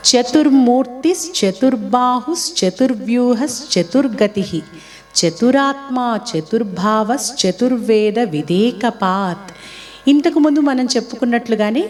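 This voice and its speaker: Higher-voiced woman teaching a devotional chant. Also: a little mellow. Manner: recites names slowly and deliberately, then explains at a quick pace. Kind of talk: devotional chant lesson, explaining names.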